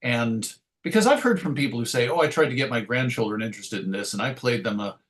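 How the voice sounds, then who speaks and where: He's an interview guest and radio show host whose medium-pitched, slightly bright voice moves quickly with lively intonation. Thoughtful and conversational, he uses anecdotes and quoted asides to make his points.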